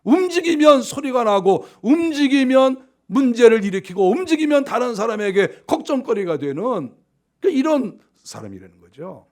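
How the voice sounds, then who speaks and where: A man pastor preaching a sermon in a fairly high voice. His pitch swings widely as he acts out scenes. He also scolds the congregation with animated emphasis. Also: normal speed.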